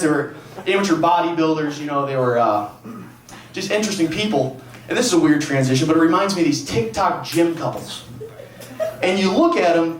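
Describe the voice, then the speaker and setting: A man's voice: fairly high pitch, reverberant. A man doing a crude, rambling stand-up comedy set with filler "uh"s at a comedy venue, recorded from a distance with the crowd laughing. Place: comedy venue with live audience.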